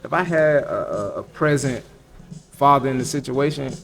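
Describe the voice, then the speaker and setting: A man's voice: medium pitch, normal speed, gravelly, fairly bright tone. A man telling his own story in a candid, reflective chat, often acting out what others said. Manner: candid, slangy, reflective, tells in quoted dialogue.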